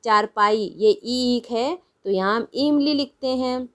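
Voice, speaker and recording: Woman teacher, unhurried and patient, drilling word lists for small kids. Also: on the high side, a bit bright. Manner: patient, drills words one by one and repeats them. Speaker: primary school teacher. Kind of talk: slow Hindi lesson for young children.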